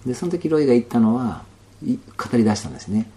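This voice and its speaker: Lively Kansai man telling a story. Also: fast. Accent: Kansai Japanese. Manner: animated storyteller, laughs often, drops to soft low asides. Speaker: guest telling a personal story. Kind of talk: storytelling in casual interview.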